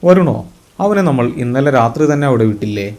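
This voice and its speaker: A calm, eerie young man talks as if nothing strange has happened, with a faint mocking edge, voiced by a male storyteller. His voice is low-key and mellow, with an ordinary middle pitch. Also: fairly quick, lightly acted. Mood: eerily calm. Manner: calm, unbothered, quietly mocking.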